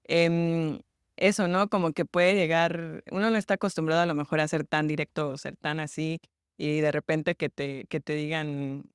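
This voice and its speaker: Mexican woman guest, smooth clear tone, dry close mic, reflective and a bit hesitant. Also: deep voice, flat delivery, moderate pace, no echo. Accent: Mexico City Mexican. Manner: thoughtful, reflective, hesitant with fillers and laughs. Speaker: podcast guest, journalist. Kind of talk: casual podcast conversation.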